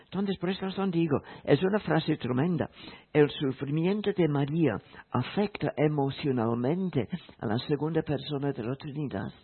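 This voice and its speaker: A man preaching a sermon in a slow, emphatic way, repeating key phrases. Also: a little high, lively intonation, breathy edge. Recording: tinny phone-like sound.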